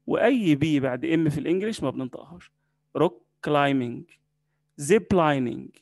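A man's gravelly, darkish, mid-range voice carries an Egyptian Arabic accent as he teaches English vocabulary with no echo around him. Every word comes out slowly and gets repeated several times.

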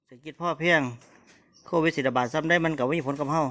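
A man's voice: fairly high pitch, steady tone, quick pace, pushed and bright, soft background music. A man with a northeastern Thai Isan accent selling his farm stock in a casual live chat, repeating prices and replies for viewers. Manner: repeats prices and the other speaker's words for viewers.

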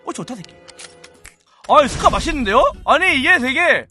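A young man with a high, bright voice gives playful, excitable commentary while streaming a shooter game. His pitch swings widely as he exclaims and imitates gunfire with his mouth, and faint music plays underneath. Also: normal speed. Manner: playful, mimics gunfire sounds, frequent exclamations.

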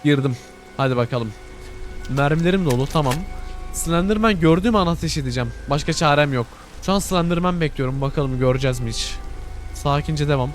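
Young man, gaming commentary, fairly high voice, nervous exclamations, faint game music behind. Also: fairly quick. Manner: jumpy, scared, addresses viewers, frequent exclamations. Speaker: gaming YouTuber. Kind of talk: live gameplay commentary.

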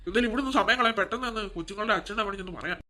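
A woman's voice: mid-range voice, rapid-fire, pushed and bright, close to an everyday voice. A woman voicing a fretful elderly cartoon farmhand. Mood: worried. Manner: fretful, talks to self. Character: elderly farm worker, weak and worried.

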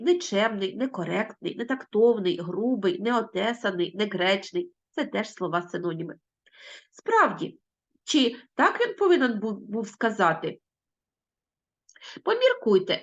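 A Ukrainian woman teacher giving an online lesson to children, explaining patiently and asking them questions. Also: fairly high pitch. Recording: dull lo-fi audio.

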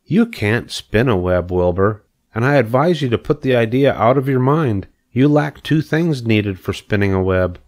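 A man's voice: medium pitch, expressive, normal speed, hardly any pauses, a little mellow, voice pushed up, lightly acted. A man voicing a wise, kindly female spider in a storybook read-aloud, patient and explaining.

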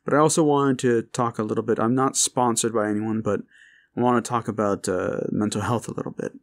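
A man with a fairly low voice and fairly even intonation, an audio roleplay creator and host, speaks briskly to his listeners. His address is informal, earnest, heartfelt, and reassuring.

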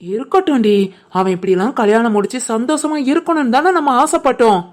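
A woman voicing a soft-hearted village mother in an animated family drama, gentle and pleading, with a southern Tamil Nadu village dialect. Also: a little high, fairly quick, close to an everyday voice.

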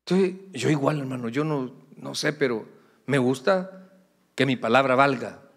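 A man's voice: mid-range voice, normal speed, long reverb tail. A middle-aged man, a pastor preaching a sermon in a conversational way with humorous asides to the congregation. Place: church sanctuary.

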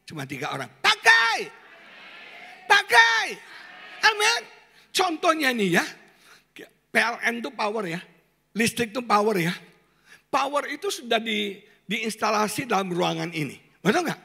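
A man preaching a sermon to a congregation, talking in a colloquial, animated way and often asking the people questions. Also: high voice, normal speed, vocal fry, slightly rough. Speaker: pastor. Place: church service hall. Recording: reverberant church hall.

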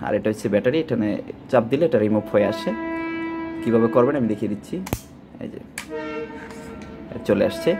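A man with a Bangladeshi accent sits indoors at a table giving an informal sales demonstration of a product he presents and sells, repeating himself and mixing in English words. His voice is lowish and dark, and background ambient noise is clearly audible.

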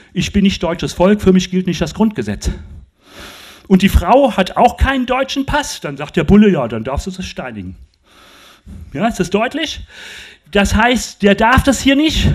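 An older man lectures with a high, lively voice that swings up and down as he drives home his points. He speaks into a handheld mic on a stage in a large festival tent and keeps checking that the audience follows him. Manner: emphatic, animated, addresses audience with rhetorical questions. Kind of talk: public talk.

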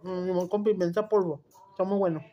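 A woman's voice: fairly low pitch, fairly even intonation, brisk, highs cut off. Crude, brash woman vlogger. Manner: loud, crude, swears freely, switches between Spanish and English. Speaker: mukbang cooking vlogger. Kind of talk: casual chat while cooking and eating.

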